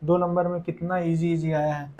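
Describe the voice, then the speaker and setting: A young man teaching school maths for exams in a quick, chatty way, repeating each step. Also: on the high side, level tone, a little mellow. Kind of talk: exam-prep maths lesson.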